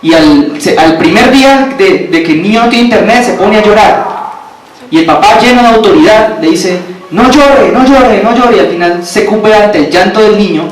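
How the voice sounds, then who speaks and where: A man's voice: sits high, normal speed. A man preaching a sermon, asking the congregation questions and repeating phrases for emphasis. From Colombia. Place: church hall. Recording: very echoey hall, from far off, faint background noise.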